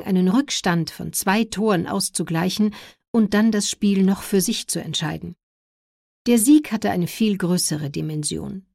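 A woman's voice: medium pitch, vocal fry, a little mellow, no room sound, clean studio sound. A woman reading a scripted historical narration as a documentary narrator.

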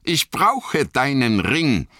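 Male reader doing a fierce, desperate grown warrior, storybook reading, bright and dry. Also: medium pitch, wildly swooping pitch, takes it slowly, no echo, pitched above the performer's own voice, exaggerated voice. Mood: pleading. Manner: pleading then raging, fierce outbursts. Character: proud desperate warrior man, grown tall and strong.

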